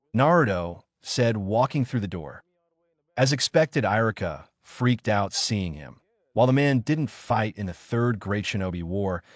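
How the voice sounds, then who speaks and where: A man reading a fan fiction story aloud in a steady voice, with occasional misread words. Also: lowish voice, no echo, clean studio sound. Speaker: reader.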